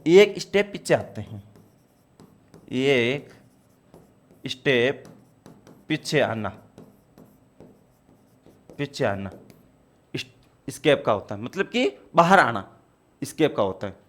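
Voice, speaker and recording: A man's voice: medium pitch, very animated, normal speed. A man teaching a computer exam-prep class, explaining step by step and repeating key points to his students.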